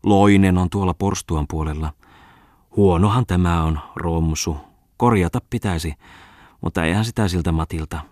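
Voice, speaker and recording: A man's voice: low voice, a little mellow, no room sound, clean studio sound, close to an everyday voice. A man reading an audiobook voices a bustling, talkative farm wife who fusses eagerly over a wealthy guest. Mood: chatty. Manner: eager, fussing, hospitable. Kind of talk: audiobook character voice.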